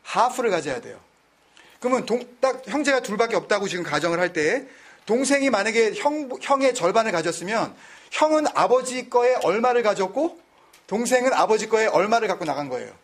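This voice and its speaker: A man with a high, expressive voice speaks fairly quickly as he leads a conversational Bible study. He mixes in English words and keeps quizzing his listeners so they stay busy answering his questions.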